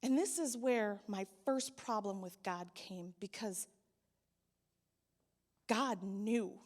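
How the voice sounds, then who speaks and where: In a church hall full of long reverb, a young adult woman slowly recounts her personal testimony at medium pitch. She quotes and performs the people involved, and her voice rises into loud pleading.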